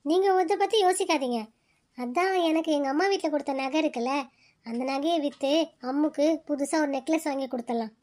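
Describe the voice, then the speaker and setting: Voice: sits high, brisk, lightly acted. ஒரு குரல் நடிகர் அன்பான, அமைதியான இளம் மனைவியாக, ஆறுதலாகப் பேசுகிறார். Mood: soothing. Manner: soothing, gentle. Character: kind, calm young wife, gentle and selfless.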